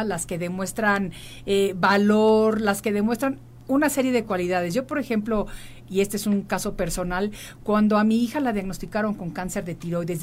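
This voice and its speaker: A middle-aged woman talks earnestly and reflectively as she hosts an emotional interview. Her voice is of middling pitch. A faint noise sits under her speech. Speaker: host.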